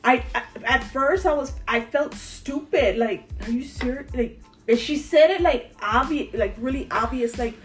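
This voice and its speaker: Chatty high-voiced woman. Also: a little slow, faint music behind. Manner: animated, rambling, laughs often. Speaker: podcast co-host. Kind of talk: casual chat, storytelling.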